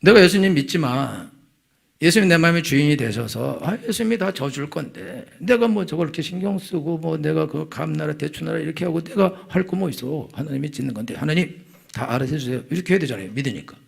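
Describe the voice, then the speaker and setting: Gravelly animated preaching man. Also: fairly high pitch, fast. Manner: animated storytelling, acting out angry prayers. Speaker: senior pastor. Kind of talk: sermon.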